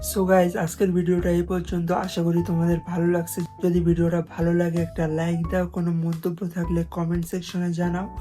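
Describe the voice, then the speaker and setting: A young man chatting to viewers in a casual late-night cooking vlog, mixing in English words and often speaking softly. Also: high-pitched, completely flat delivery, quick pace, hardly any pauses, faint music behind, rough recording. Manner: speaks in a hushed voice so as not to wake a sleeping roommate. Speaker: vlogger. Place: small kitchen at night, indoors.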